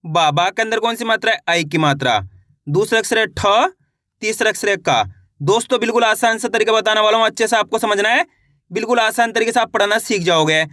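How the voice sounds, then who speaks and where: Male teacher, high bright voice, dry close sound; patient, drills syllables with quiz-style questions. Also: no room sound. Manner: slow syllable-by-syllable spelling, frequent rhetorical questions. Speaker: Hindi reading teacher. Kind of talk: online lesson.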